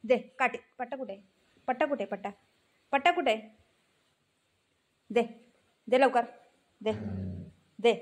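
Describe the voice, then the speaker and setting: Woman, pet owner; high voice, slow repetitive scolding and coaxing. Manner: coaxing and scolding, repeating short commands.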